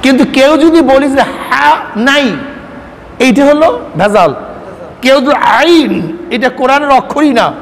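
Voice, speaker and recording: A man's voice: very high voice, a little slow. Man, Islamic preacher, scolding rhetorical delivery, long hall reverb. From Bangladesh. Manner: scolding rhetorical questions, mimics others. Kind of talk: sermon. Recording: reverberant hall with faint noise.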